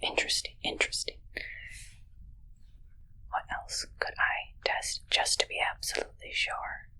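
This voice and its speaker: In an ASMR roleplay, a woman plays a curious, suspicious alien posing as a human medical examiner. Her delivery is pushed and bright, coming out in halting, clipped, detached phrases, and the recording quality is low.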